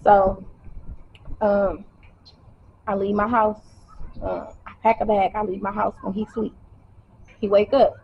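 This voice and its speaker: A woman with a creaky mid-range voice tells her story to camera at a measured pace, flat in delivery and pausing often. She's emotional and fighting tears, speaking colloquially and directly. The recording is dull and lo-fi with slight background noise.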